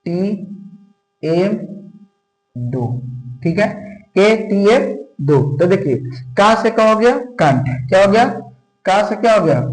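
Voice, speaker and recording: High-voiced man teaching in an echoey room. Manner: repetitive call-and-response questioning. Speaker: Hindi grammar teacher. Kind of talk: classroom lecture. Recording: roomy echo.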